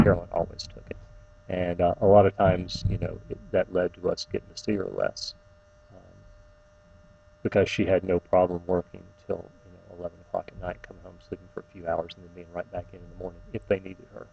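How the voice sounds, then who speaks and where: A middle-aged man giving an informal, personal eulogy, tenderly reminiscing in a halting, faltering way with long pauses. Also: low-pitched, vocal fry, mellow, lo-fi sound.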